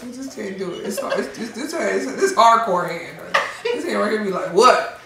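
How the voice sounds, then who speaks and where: A woman's voice: medium pitch, animated, normal speed, a crowd in the background. A woman reviewing a beauty product in a playful, joking way while talking with a face mask on. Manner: playful, joking, laughing often. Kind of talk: casual product review chat. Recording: very echoey room, distant mic, music behind.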